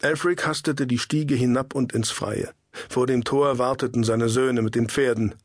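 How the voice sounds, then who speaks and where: Husky male audiobook narrator. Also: mid-range voice, fairly even intonation, no room sound, studio quality. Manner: measured storytelling. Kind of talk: scripted narration of a historical novel.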